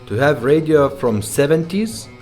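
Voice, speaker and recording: With a slightly high, darkish, animated voice, this car radio retrofitter walks through an informal product demo at an easy pace. Faint music plays behind him as he explains, dropping frequent "okay?" and "right?" check-ins.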